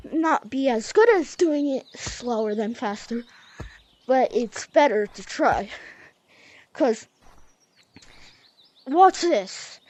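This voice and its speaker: A woman's voice: sits high, darkish tone. A young woman, a bit out of breath, chatting loosely as she teaches a game move by move. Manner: chatty, loose, says y'all and like. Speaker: gaming tutorial host. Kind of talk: casual game tutorial.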